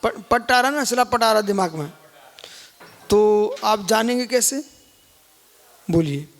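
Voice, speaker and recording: A man's voice: sits high, expressive, unhurried, vocal fry, a bit bright. A man, a Jain monk, giving a live scripture lecture and keep prodding listeners with questions. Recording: long hall reverb.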